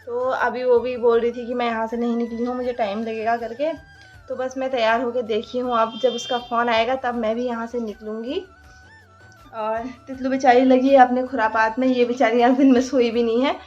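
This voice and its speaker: A woman's voice: a little high, little pitch movement, moderate pace, darkish tone, highs cut off, faint music behind. A young woman with a light lilt, chatting casually through a daily vlog at home and talking to her toddler now and then. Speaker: vlogger and mother. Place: indoors in a rented room.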